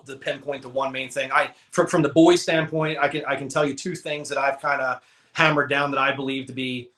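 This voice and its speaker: An American man giving an emphatic, energetic motivational talk, repeating his points for emphasis. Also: medium pitch, roomy sound. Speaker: motivational speaker. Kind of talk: live presentation talk.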